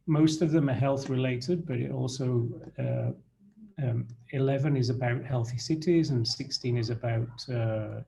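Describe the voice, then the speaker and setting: A middle-aged man from Britain giving an online lecture over a video call, measured and full of fillers and restarts. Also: mid-range voice, creaky, warm tone, rough recording. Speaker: guest lecturer.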